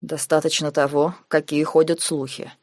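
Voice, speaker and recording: Haughty young lord, cold and low, hushed, read by a woman in a dry storybook reading. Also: level tone, moderate pace, no echo. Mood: grim. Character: arrogant young male nobleman, cold, warning.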